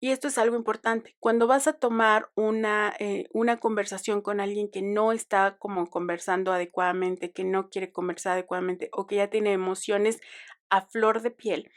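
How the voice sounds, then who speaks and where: A woman's voice: medium pitch, flat delivery, normal speed. A young Mexican woman hosting a podcast, telling a story in a chatty, digressive way with ironic asides. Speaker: podcast host. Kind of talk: casual monologue.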